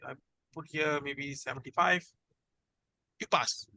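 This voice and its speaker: Bright-voiced Malaysian man teaching in colloquial slang. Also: on the high side, unhurried. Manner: colloquial Malaysian English with 'lah' particles. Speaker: programming instructor. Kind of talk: informal lesson.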